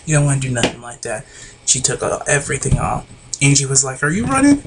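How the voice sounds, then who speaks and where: A man in casual, profane recap mode, rambling and blunt, in a voice pitched right in the middle. The recording carries a faint steady hiss. He keeps circling back to the same points with loose, offhand delivery. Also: fast, gravelly. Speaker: reality TV recapper.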